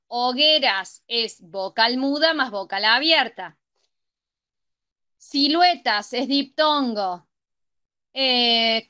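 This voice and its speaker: A woman tutors a grammar class, her voice high and bright. She moves through examples step by step and keeps checking that her students are following. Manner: checks understanding with frequent ¿sí? and ¿estamos?.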